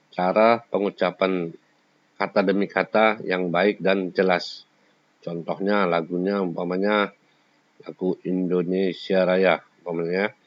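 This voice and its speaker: Deep-voiced man teaching a lesson. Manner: explains step by step, sings short examples. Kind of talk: classroom lecture. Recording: slightly dull lo-fi sound.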